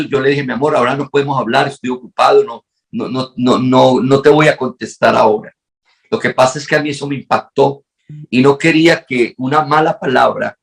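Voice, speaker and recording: A middle-aged man, a pastor preaching a sermon in a repetitive, rising cadence that swells into fervent appeals. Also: mid-range voice.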